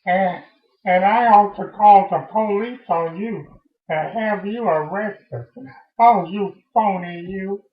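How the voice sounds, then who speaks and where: A man playing a sassy, scolding woman on a blind date who fills her talk with oh's, in a slow, dull, roomy recording. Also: high voice, far from the mic. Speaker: comedian. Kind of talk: one-man comedy sketch.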